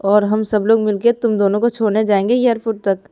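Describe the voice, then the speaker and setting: A woman's voice: medium pitch, little pitch movement, dark tone, clean tone, dry recording, clean studio sound, natural voice. A woman voicing a fussing, caring middle-aged mother in a told story. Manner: fussing, hurried.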